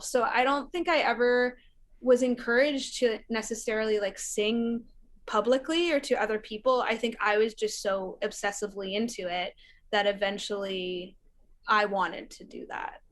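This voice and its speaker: In a relaxed interview chat, a young musician from Syria talks at a normal speed with a medium-pitched, fairly bright voice. She laughs frequently and peppers her speech with filler words.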